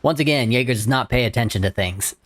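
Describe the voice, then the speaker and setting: A man's voice: medium pitch, fast, soft background music. A man streaming a game, chatting casually in self-deprecating muttered asides between dialogue he reads. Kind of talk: casual gameplay chat.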